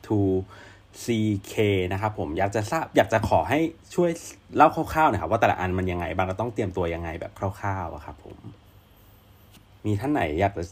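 Fast, low-voiced male moderator. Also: lively intonation. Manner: polite, quick. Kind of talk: online panel talk.

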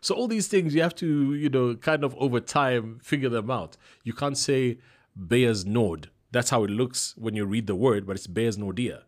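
A man's voice: medium pitch, normal speed. A man from Zambia, a voice-over artist, telling stories casually in an interview and laughing often. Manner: relaxed storytelling, laughs often, many restarts.

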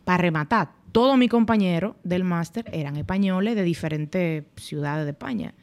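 A woman's voice: on the low side, normal speed, darkish tone. A young Dominican woman speaking as a podcast guest, telling her story bluntly in casual, colloquial speech. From Dominican Republic. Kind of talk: candid conversational storytelling.

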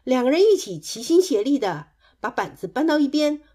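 A woman reads a children's story aloud with lively, expressive delivery. Her voice sits fairly high. She tells the tale as a practiced storyteller. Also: a little fast. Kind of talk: storybook narration.

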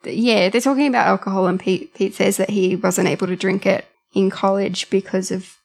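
A woman co-hosts a podcast, recounting the plot in an easy, agreeable way. Her mid-pitched voice carries a lot of vocal fry. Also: fairly even intonation, fairly quick, a little mellow. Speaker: podcast co-host. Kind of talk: casual chat recapping a TV show.

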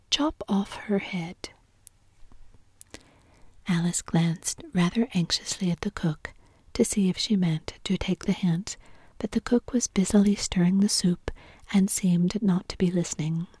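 A woman reading a storybook aloud in a soft, slow, even whisper. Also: lowish voice, husky, no room sound.

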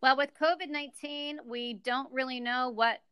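A middle-aged woman from the United States speaks as a podcast guest, with a bright, forceful tone and a smooth, crisp voice. She explains things carefully and stays upbeat, and the sound is dry and close. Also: sits high, fairly even intonation, normal speed, dry recording. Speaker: guest, executive director. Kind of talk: podcast interview.

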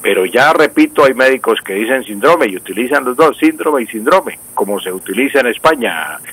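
A man's voice: medium pitch, expressive, brisk, a bit bright, breathy edge, low-quality recording. Colombian man explaining grammar on radio. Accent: Colombian Spanish. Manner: explanatory, repeats words, frequent fillers. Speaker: language expert on radio news. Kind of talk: call-in language advice.

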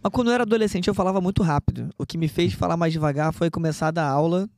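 Man co-host, high voice, rapid joking banter, dry studio sound. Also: vocal fry, a little mellow, no echo. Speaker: podcast co-host. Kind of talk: casual chat.

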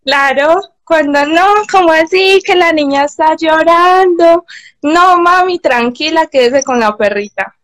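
A young woman, chatting as a guest on a video call from home and telling a personal story with animated voices for the people in it. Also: very high-pitched, a little slow, no echo. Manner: animated, acts out voices of others in anecdotes. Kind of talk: casual storytelling.

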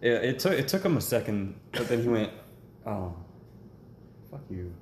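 A young man in casual podcast chat, teasing his friend in a dry, deadpan way. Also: mid-range voice, quick pace. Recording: echoey room with faint ambient noise.

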